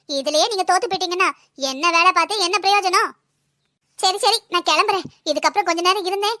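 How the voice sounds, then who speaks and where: Woman voicing a bossy sister-in-law, cartoon; very high, bright, quick, preachy scolding. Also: no room sound, clean studio sound. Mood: huffy. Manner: lecturing, sharp-tongued, preachy. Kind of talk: cartoon voice acting.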